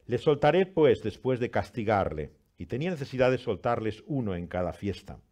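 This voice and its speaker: A man's voice: mid-range voice, sing-song, a little fast, darkish tone. A man who reads a scripture passage with dramatic rises and falls, then preaches earnestly as pastor. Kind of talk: scripture reading and sermon.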